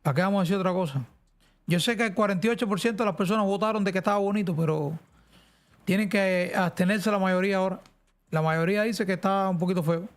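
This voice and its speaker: A man's voice: sits high, fast. A man with a central Cuban accent, chatting casually and rambling on a live game stream. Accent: central Cuban Spanish. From central Cuba. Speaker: streamer host.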